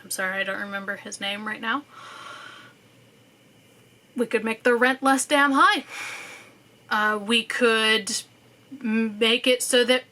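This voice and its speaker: A woman's voice: mid-range voice, sharp tone. A young woman, a student, speaking in a candid personal monologue, thoughtful at times and sarcastic at others, with casual swearing and frequent fillers.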